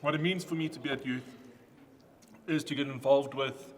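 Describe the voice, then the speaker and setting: A man's voice: mid-range voice, steady tone, normal speed. A man chatting casually as a contestant in a challenge. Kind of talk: casual chat. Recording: reverberant room, faint noise.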